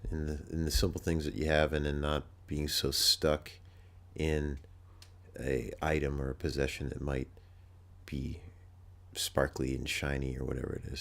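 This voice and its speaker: A man talks in a low, nasal voice, musing casually on his own podcast. He rambles and reflects, thinking aloud rather than following a script. The tone is plain and unhurried. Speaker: podcast host. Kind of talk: casual solo talk.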